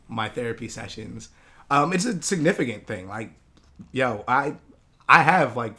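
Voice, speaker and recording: A man who grew up in Hawaii, a guest artist talking in a casual interview, relaxed and rambling with many fillers. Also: medium pitch.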